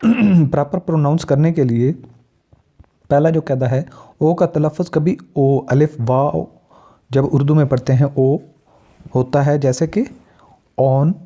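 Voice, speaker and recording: Male teacher from Pakistan, unhurried and methodical. Deep mellow tone, muffled lo-fi recording. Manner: deliberate, lists example words one by one. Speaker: English teacher. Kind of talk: spoken pronunciation lesson. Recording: dull lo-fi recording.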